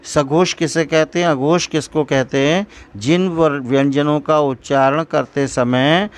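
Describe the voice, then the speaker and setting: A man's voice: on the high side, fairly even intonation, measured pace. A man teaching a school grammar lesson, explaining terms patiently and drawing out example sounds. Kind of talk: slow classroom grammar lesson.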